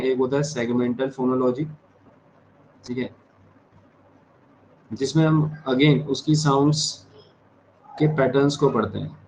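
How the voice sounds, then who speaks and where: A man teaching an exam-prep class in Hindi and English. He dictates key terms slowly, repeats them and keeps checking that the class understands. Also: mid-range voice, a little mellow, highs cut off, slight background noise. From India. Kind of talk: online exam-prep lecture.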